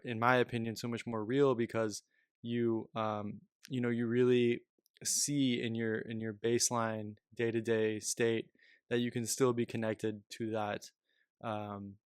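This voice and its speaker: Man with an even, casual teaching voice. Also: mid-range voice, measured pace, smooth, no room sound, clean studio sound. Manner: casual and reflective, many fillers like "you know" and "um". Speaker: meditation teacher. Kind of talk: spiritual talk with storytelling.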